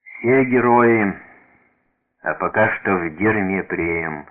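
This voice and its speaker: A man's voice: low voice, slow pace. A man voicing a sly, mocking peasant who owns the hut, in a radio reading. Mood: scoffing. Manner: sly, scoffing. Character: mocking middle-aged male peasant hut owner. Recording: tinny radio broadcast.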